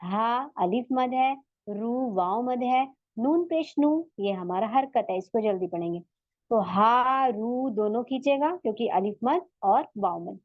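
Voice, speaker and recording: A woman's voice: fairly high pitch, measured pace, dry recording, narrow, tinny audio. A woman teaching tajweed in an online lesson, patiently stretching out sounds to demonstrate them. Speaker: Quran recitation teacher.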